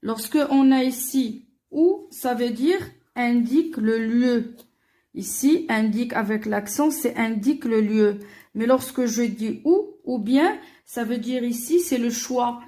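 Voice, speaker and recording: A woman walking pupils through a French worksheet, slowly and deliberately, repeating each answer and filling pauses with "alors" and "euh". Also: a little high, dark tone. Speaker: teacher. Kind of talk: worksheet walkthrough for primary pupils.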